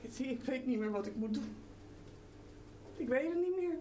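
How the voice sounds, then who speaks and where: An actress playing a worried sister who questions earnestly and is desperate to help. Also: female voice, high voice, lively intonation, moderate pace, mellow, far from the mic, a little hiss or hum. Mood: despairing. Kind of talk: live stage drama. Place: theatre stage.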